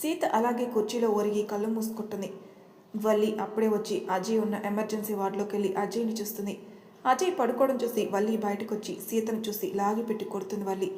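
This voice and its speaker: A woman narrating an audio story in a steady, expressive way. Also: mid-range voice, fast talker. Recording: roomy echo.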